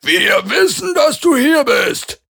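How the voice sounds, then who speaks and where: A man shouting as a raging reptilian alien hunter. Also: very high-pitched, huge pitch swings, slow pace, gravelly, voice pushed up, heavily acted. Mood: shouting threats. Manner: shouting from afar.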